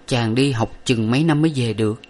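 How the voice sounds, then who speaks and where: Tearful devoted young woman, pleading and gentle, raised pitch, audiobook reading, as a man puts her on. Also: fairly quick, close to an everyday voice. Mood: tender. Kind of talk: audiobook reading of an old novel.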